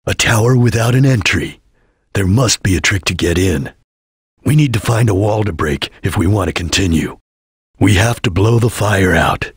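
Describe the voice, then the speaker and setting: A man voices a serious ninja chameleon for an English-language video game, a full character performance. His fairly low voice is heavily husky, breathy and gravelly, recorded close and dry. He delivers lines solemnly and tersely, watchful and with disciplined formality.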